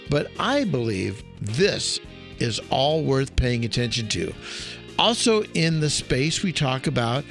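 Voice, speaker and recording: A man hosts a podcast with enthusiastic, emphatic delivery, as though reading an upbeat script. He is a chef, and his voice is a little high with a fairly bright tone.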